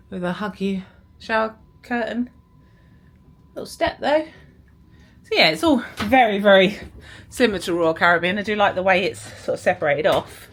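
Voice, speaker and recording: A British woman vlogging aboard a cruise ship in a casual, rambling way with lots of fillers. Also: mid-range voice. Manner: chatty, rambling, many fillers. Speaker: travel vlogger. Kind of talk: casual vlog chat. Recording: clear music behind the voice. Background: music playing.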